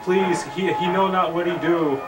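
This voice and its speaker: A man acting as a medium who questions a ghost in a low-budget amateur movie, solemn and halting. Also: steady tone. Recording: echoey room, distant mic, loud music.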